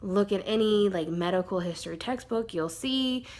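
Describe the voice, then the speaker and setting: A woman's voice: mid-range voice, normal speed, a little mellow. A woman vlogger talking casually to camera in a chatty, rambling way that often goes off on side tracks.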